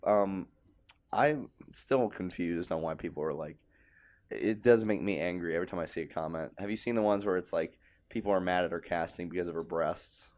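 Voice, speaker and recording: A young man with a notably deep, low voice, chatting loosely on a podcast. He rambles, trails off and laughs easily, keeping it casual and unhurried. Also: a little mellow. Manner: laid-back, rambling, laughs often. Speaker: podcast co-host. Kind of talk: casual chat.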